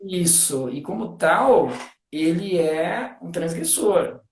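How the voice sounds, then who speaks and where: A man's voice: sits high, animated, slow pace, creaky. Man explaining eagerly in a roomy echo. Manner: explains eagerly, full of "né", counts and taps out rhythms aloud. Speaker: guest discussing literature. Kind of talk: casual explanatory talk on a live stream.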